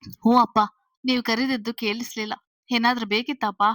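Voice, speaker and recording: A woman voicing a nervous young woman who talks in a hurried, stammering way in an audio story. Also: fairly high pitch, fairly even intonation, fairly bright tone, no room sound, clean studio sound, lightly acted. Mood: flustered. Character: nervous young woman hiding her boyfriend, flustered.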